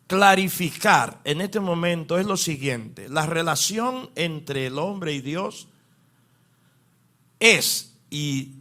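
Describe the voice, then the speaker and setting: Male pastor, fairly high voice, preaching a sermon with rising emphasis. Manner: preaching with questions to the congregation, loud swings in emphasis.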